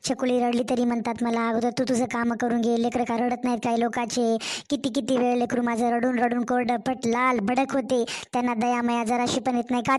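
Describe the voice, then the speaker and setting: Cartoon: woman as a pleading young wife and mother, Marathwada Marathi accent, high and level voice. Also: a little mellow, natural voice. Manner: complaining, tearful pleading. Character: young mother, distressed, pleading daughter-in-law. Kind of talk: cartoon story voice acting.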